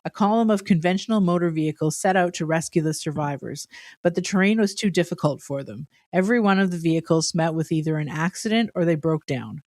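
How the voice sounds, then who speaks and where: A woman co-hosting a podcast, reading prepared notes in a steady, matter-of-fact way with dry asides. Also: lowish voice, fast talker, no echo. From Canada. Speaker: podcast co-host presenting the topic.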